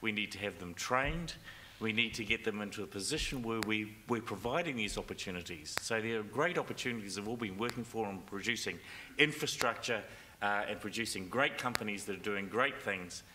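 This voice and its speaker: A man's voice: fairly low pitch, brisk, sharp tone, a little hiss or hum. A man speaking earnestly and urgently as a panelist at a conference discussion. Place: convention centre stage.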